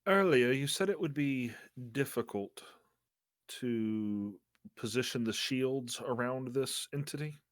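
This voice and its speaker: A man with a mid-pitched voice plays a tabletop role-playing game, casually and tentatively thinking his moves through aloud. The sound is dry, with almost no room. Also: slow, dry recording.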